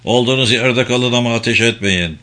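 A man's voice: medium pitch, fairly quick, bright, forceful tone, close to an everyday voice. A man voicing a brusque police lieutenant who talks in curt, clipped phrases in an audiobook.

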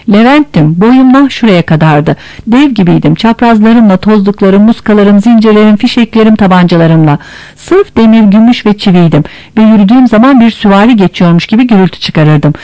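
Reader doing gruff old greek fighter guy, scornful, bragging, dry close sound. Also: medium pitch, expressive, fairly quick, darkish tone, dry recording, natural voice, rough recording. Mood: boastful. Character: fiery old male Greek veteran, scarred and boastful. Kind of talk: audiobook character reading.

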